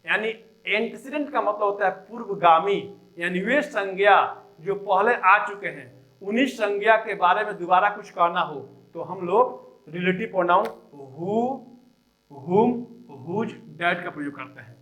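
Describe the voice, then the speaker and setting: A male teacher explaining English grammar, repeating each example sentence slowly and deliberately. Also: high voice, a bit bright, low-quality recording.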